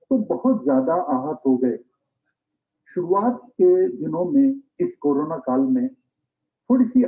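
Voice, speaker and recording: Slow, formal man hosting an arts event. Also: fairly high pitch. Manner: earnest, measured, formal. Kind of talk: formal address. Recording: echoey phone-quality audio.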